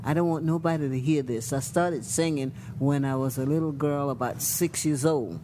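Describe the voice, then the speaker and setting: A woman in her seventies with a South Louisiana accent, a singer and guest telling stories in a folksy, drawn-out way. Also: deep voice, mellow, a little hiss or hum. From Louisiana bayou country. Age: 70s. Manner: folksy, drawn-out storytelling with colloquial phrasing. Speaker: guest, singer and praline maker. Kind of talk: casual chat.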